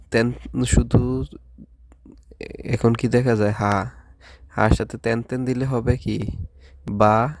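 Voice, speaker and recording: A man teaching a language class, slowly drilling syllables one at a time and asking the students questions. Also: medium pitch, darkish tone, no room sound, studio quality. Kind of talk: Japanese lesson with drilled syllables.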